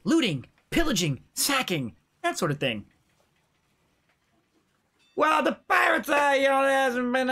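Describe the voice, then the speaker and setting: A man voicing a gruff, washed-up male pirate loafing on a street corner, talking loud and blustery. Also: very high voice, voice pushed up, heavily acted.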